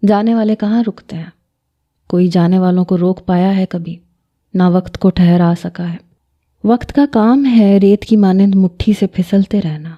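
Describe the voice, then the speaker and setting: Woman reading a sad story slow and soft, mid pitch, bit muffled lo-fi audio. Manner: soft, measured, sorrowful. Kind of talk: emotional scripted narration.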